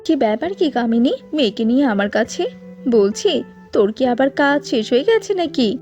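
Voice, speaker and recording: A woman's voice: a little high, expressive, a little fast, a little mellow, faint music behind, natural voice. A woman voicing a haughty, mocking rich mistress of a house in a cartoon. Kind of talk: cartoon voice acting.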